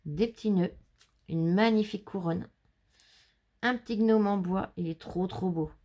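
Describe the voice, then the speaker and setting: A woman's voice: medium pitch, a little slow, dull audio. A woman from France, hosting a casual show-and-tell of handmade cards at home, chatty and gushing as she talks to her viewers. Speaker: scrapbooking channel host.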